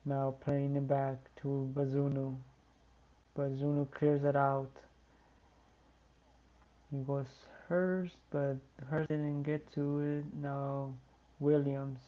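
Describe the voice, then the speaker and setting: A fan commentator calling a match live for a watch-along stream, tired and yawning, talking in a slow, low-key way. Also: level tone, narrow, tinny audio. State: sleepy.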